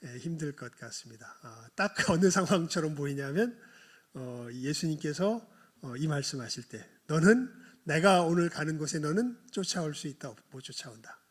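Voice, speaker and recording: Man, pastor, sermon, slightly high voice, husky tone, asks the congregation questions, acts out scripture dialogue. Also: lively intonation, moderate pace.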